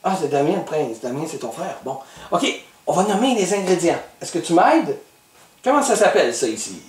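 A man's voice: a little high, big pitch swings, normal speed, reverberant, recorded from a distance. A man with a Québécois accent hosting a kids' cooking lesson, playful and teasing while patiently guiding a child step by step. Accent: Québécois French. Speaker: host of a kids' cooking show.

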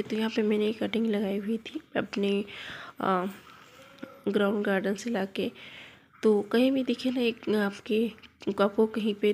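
A woman's voice: mid-range voice, creaky, a little mellow, slight background noise. A woman vlogger chatting to her viewers as she plants cuttings in her home garden, filming on a phone she holds in one hand. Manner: chatty, addresses viewers as friends. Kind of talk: casual gardening walkthrough. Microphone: phone held in hand.

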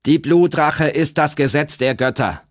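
A man's voice: lowish voice, expressive, moderate pace, no room sound, studio quality, lightly acted. A man reading aloud, voicing a stern, stubborn old Norse woman who speaks unmoved.

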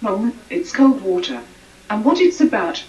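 A female computer voice playing a stern school teacher, flat and synthetic, heard from afar in an echoey room. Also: mid-range voice, a little slow. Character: cafeteria and science teacher, stern. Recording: echoey, distant, dull TV sound.

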